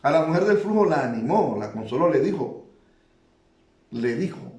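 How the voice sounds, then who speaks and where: A man's voice: on the high side, very animated, normal speed, a little mellow. Man preaching a sermon in an echoey room. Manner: preaching, repeats phrases for emphasis.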